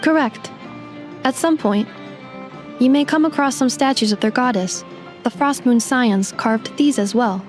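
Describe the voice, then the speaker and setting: In this video game dialogue, set over background music, a woman plays a courteous female robot guide assistant. Her voice sits a little high and natural, and she takes her time. She speaks calmly, in a precise, formal and factual way.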